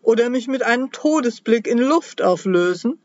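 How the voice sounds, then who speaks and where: Woman putting on a squeaky, fretful little elf. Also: expressive, moderate pace, a little mellow, dry recording, highs cut off, natural voice. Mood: frightened wailing. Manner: whiny, fretful, jumpy. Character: small frightened male Christmas elf chef.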